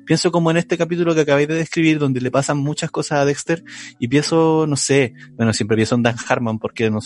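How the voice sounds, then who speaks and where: A man's voice: a little high, fast. A young man with a Chilean accent, chatting as a podcast co-host in a hesitant, filler-heavy, slangy way. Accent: Chilean Spanish. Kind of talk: casual chat.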